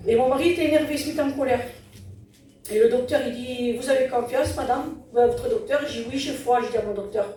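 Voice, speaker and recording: A woman with a high, warm voice speaks fairly quickly, giving an earnest testimony during a church service and retelling events through repeated "I said" and "he said." She's in a very echoey church hall, picked up by a distant mic, with music playing behind her and slight background noise.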